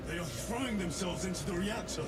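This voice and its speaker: A man playing a gruff, commanding space marine. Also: sits high, brisk, crowd noise, natural voice. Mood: urgent. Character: gruff male space marine lieutenant, commanding, grave, dutiful. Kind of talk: video game acting.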